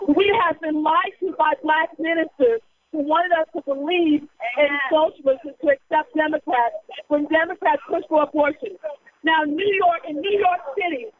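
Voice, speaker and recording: A woman delivers a fervent outdoor political speech in a strikingly high voice, hammering her points home and pressing her listeners with rhetorical questions. The recording sounds dull and lo-fi, with faint noise underneath. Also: steady tone, moderate pace. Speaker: political street speaker.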